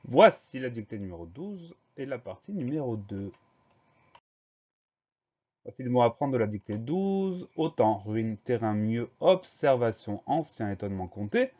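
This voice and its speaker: A male teacher giving a spelling lesson for primary pupils, spelling words out slowly letter by letter. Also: medium pitch, big pitch swings, darkish tone. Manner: slow, careful letter-by-letter spelling. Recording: slightly dull lo-fi recording.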